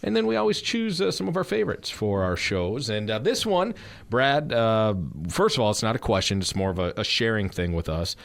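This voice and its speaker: A man's voice: lowish voice, sing-song, fairly quick, vocal fry. A man hosting a radio show in a casual, chatty and affirming way.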